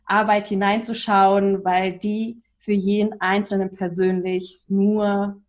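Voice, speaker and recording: A woman in her forties, a coach and trainer, telling her personal story in an emphatic, animated way as a podcast guest. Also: mid-range voice, slow. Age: 40s.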